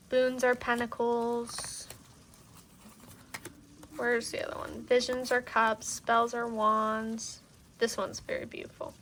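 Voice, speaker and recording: Wind roars around a tarot collector as she shows her cards on camera, her voice a little high and a bit bright. She rambles casually and gushes, dropping "like" again and again.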